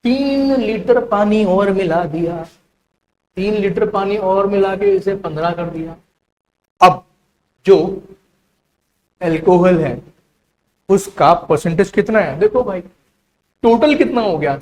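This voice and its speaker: High-voiced patient male maths teacher. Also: slow pace, pauses often, slight background noise, rough recording. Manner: patient, explains step by step with frequent "theek hai". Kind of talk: online exam-prep maths lesson.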